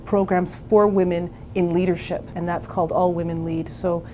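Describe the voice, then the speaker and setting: Mellow-voiced Canadian woman in her forties. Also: fairly low pitch, level tone, moderate pace, a little hiss or hum. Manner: candid, chatty, storytelling. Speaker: therapist and entrepreneur. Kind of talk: personal interview.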